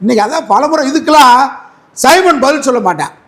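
A man's voice: very high voice, animated, a little fast, fairly bright tone. A man speaking as an advocate in a heated political interview, combative and mocking, repeating his points.

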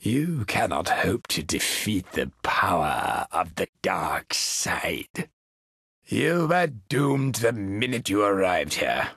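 Emperor Palpatine, croaking old evil ruler. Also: male voice, low voice, very animated, fairly bright tone, no echo, heavily acted. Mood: gloating, menacing. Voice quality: raspy, croaking, gravelly. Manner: slow, theatrical, menacing drawl. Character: sinister, gloating old male galactic emperor, cruel and imperious. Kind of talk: video game villain acting.

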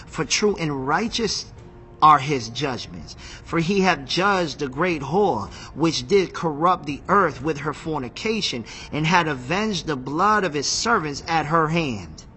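A man teaching from the Bible in an excitable, emphatic way, repeating phrases and reading scripture aloud while seated. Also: a little high, measured pace, a little hiss or hum. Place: seated in a chair.

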